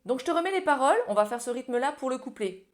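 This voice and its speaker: A woman's voice: high-pitched, animated, fast talker, over loud music. A woman giving a casual ukulele lesson, talking informally and directly to the viewer. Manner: friendly, informal, addresses viewer as tu. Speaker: ukulele teacher. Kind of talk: casual music tutorial. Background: ukulele playing.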